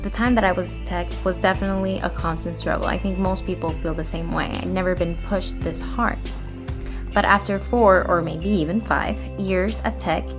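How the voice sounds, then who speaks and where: A woman's voice: fairly low pitch, steady tone, normal speed. A young woman from Puerto Rico, a recent engineering graduate, speaking sincerely and reflectively. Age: 20s. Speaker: alum, industrial engineer. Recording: music bed under speech.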